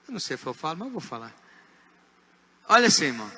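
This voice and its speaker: A man with a Brazilian Portuguese accent preaching a sermon as pastor. He is emphatic, swinging from hushed asides to shouted points. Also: fairly high pitch, big pitch swings, fast talker, husky, in a large hall. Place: church.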